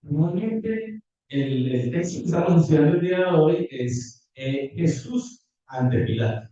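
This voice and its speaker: A man preaching a sermon and reading scripture in a measured, careful way, recorded from afar in a church hall. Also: a little high, animated, warm tone. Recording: distant, echoey, muffled church audio.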